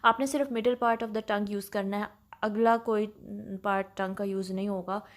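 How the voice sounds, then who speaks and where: A woman's voice: mid-range voice, steady tone, moderate pace. Patient woman teaching recitation rules. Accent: Pakistani Urdu. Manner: patient, explanatory, mixes English terms, checks in often with "okay?". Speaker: tajweed teacher. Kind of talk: step-by-step recitation lesson.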